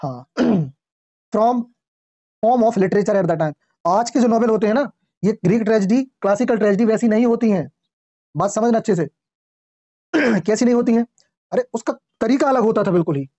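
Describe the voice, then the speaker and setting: A male teacher giving a classroom lecture, reading English lines slowly, explaining them in Hindi, quizzing the class and clearing his throat often. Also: high-pitched, dark tone, dry recording. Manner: quizzes the class with repeated questions. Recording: dull lo-fi classroom recording.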